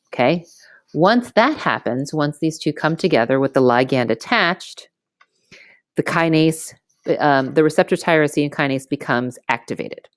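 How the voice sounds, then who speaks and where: A woman giving an informal screen-recorded lecture as a teacher, explaining step by step in casual, colloquial language and often checking in with a quick okay. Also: sits low, dry recording, clean studio sound. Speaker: biology teacher. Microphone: close mic on a screen recording.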